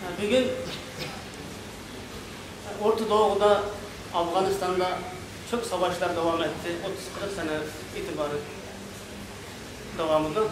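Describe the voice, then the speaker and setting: A man from East Turkistan giving a public speech in halting, broken Turkish with a foreign accent from his home region. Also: high voice, fairly even intonation. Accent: Uyghur-region accent in broken Turkish. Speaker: guest speaker, activist. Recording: echoey hall, distant mic, clear noise.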